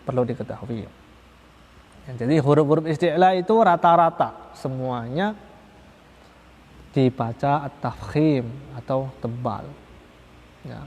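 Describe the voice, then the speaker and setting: Male religious teacher, patient and repetitive, slightly high voice, recorded in a reverberant hall. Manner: patient, repetitive, drawn-out chanted examples. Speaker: Quran recitation teacher. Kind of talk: slow religious lesson on tajwid. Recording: echoey long reverb hall.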